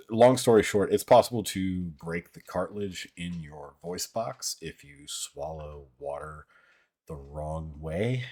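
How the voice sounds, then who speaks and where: A young livestream host with a very low, deep voice chats loosely with viewers in a fairly monotone delivery, rambling and full of "like," "uh," and frequent swearing. His voice sounds worn and strained from an old throat injury.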